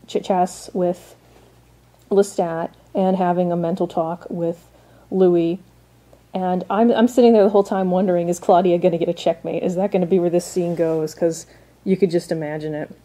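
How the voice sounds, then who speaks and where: A woman's voice: on the low side, dark tone. A woman giving a casual, opinionated episode recap and commentary, chatty with frequent restarts. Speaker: recap vlogger.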